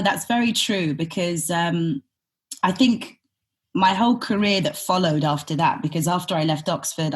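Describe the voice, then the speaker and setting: Low husky woman telling stories. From Sudan, raised in Britain. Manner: reflective, thoughtful, with frequent fillers. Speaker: podcast guest, humanitarian consultant. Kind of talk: conversational interview storytelling.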